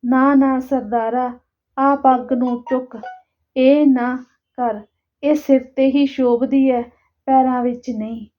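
A woman reading the part of Rashid, a calm, caring older man who asks questions and soothes others. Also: high voice, takes it slowly, lo-fi sound, slight background noise. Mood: firm.

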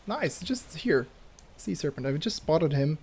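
A man giving excitable let's play commentary, laughing and talking to himself as he plays. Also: fairly high pitch, a little slow, breathy edge. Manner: excitable, laughs, talks to himself while playing. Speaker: gaming YouTuber. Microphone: headphones on, desk mic.

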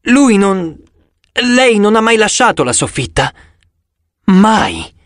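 A man's voice: high-pitched, very animated, slow, a bit bright, dry recording, clean studio sound, voice pushed up, heavily acted. A man voicing a stern old centaur teacher in an audiobook, calling out in a commanding, raised voice. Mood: alarmed. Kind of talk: audiobook character voice.

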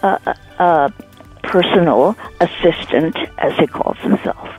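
Over a muffled phone line with soft music in the background, an older woman becomes the target of a prank call. Her low, husky, somewhat mellow voice moves at a measured pace; she is bewildered at first, then laughs easily and plays along.

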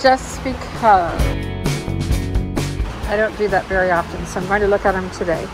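Loud music plays behind a woman's medium-pitched, moderately paced voice as she chats casually through a shopping vlog. She is a thrift store reseller thinking aloud while browsing a large indoor warehouse-style thrift store, filming the shelves with a handheld phone.

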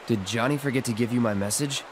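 In a video game cutscene, an actor plays a guarded young mercenary swordsman who is awkwardly protective. His mid-range voice is fast and lightly acted, with a terse, hesitant, understated manner.

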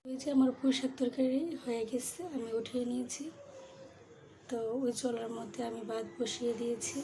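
Soft-spoken woman narrating her cooking. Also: a little high, little pitch movement, fairly quick, gravelly. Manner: speaks softly so a sleeping child stays asleep. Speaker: cooking vlogger. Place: home kitchen. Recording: noisy kitchen ambience.

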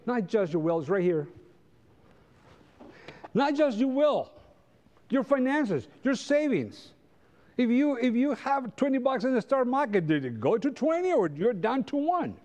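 Here the Costa Rican teacher's voice sits extremely high yet has a darkish tone, with big pitch swings, a measured pace, and frequent pauses. A middle-aged native Spanish speaker with a Costa Rican accent, he leads a Sabbath school lesson for the congregation, standing before the pews of a large sanctuary. His style is conversational, built around rhetorical questions.

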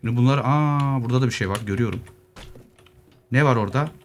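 A man's voice: medium pitch, quick pace. A young man from Turkey giving casual solo gameplay commentary, joking with zombies and muttering as he loots. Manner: lively, joking asides to zombies, muttering while looting. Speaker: gaming YouTuber. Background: keyboard clicks, faint noise.

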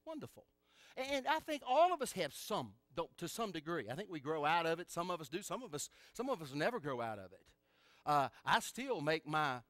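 A male pastor preaching a sermon in church, emphatic and animated, with joking asides. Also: a little high, dry recording.

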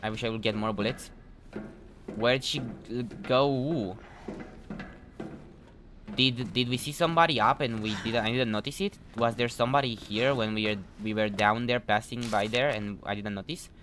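A man's voice: lowish voice, fairly even intonation, fairly quick, hardly any pauses, a bit bright. Chatty young man narrating his gameplay, noisy mic. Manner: chatty, self-mocking, reads in-game notes aloud. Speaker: gameplay commentator. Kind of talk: let's play commentary.

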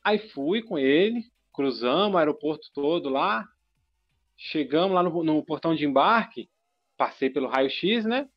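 A man telling a long personal story in a casual, animated and profane way, talking in short bursts. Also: fairly high pitch, measured pace. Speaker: podcast guest telling a story. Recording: dull lo-fi sound with faint music.

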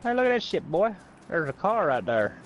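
A man's voice: sits high, big pitch swings, moderate pace, a little hiss or hum. A young man in casual gaming chat over a headset, laid-back, making crude jokes and swearing a lot. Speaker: gamer in party chat.

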